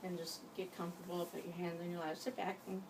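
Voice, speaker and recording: A woman leading an informal guided hypnosis session, giving gentle instructions in a halting way. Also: on the low side, little pitch movement. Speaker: hypnosis practitioner. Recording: distant mic, faint background noise.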